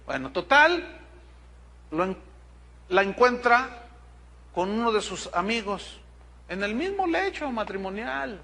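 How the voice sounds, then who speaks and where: Lively Mexican pastor preaching. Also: male voice, high voice, slow, long pauses. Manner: storytelling, blunt and animated with asides to the congregation. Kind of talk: sermon. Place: church congregation.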